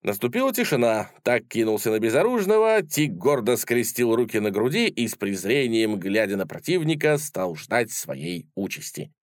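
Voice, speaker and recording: Man, audiobook narrator, calm and measured, dry close recording, lively intonation. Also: medium pitch, no echo. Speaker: audiobook reader. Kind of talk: storybook narration with voiced characters.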